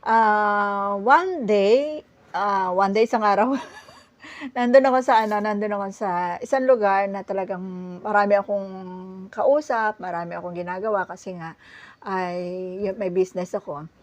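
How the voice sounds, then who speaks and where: A middle-aged woman from the Philippines telling a personal story in a casual vlog. She talks in an animated way, often breaks into laughter, and restarts her sentences with many fillers. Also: medium pitch, moderate pace. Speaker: vlogger.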